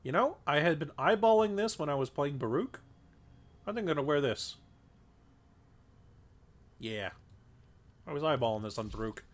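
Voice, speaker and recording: His voice is on the high side with lively intonation, and he keeps a moderate pace while pausing often. The congested man is casually thinking aloud over his game stream into a desk mic, rambling and leaning on fillers.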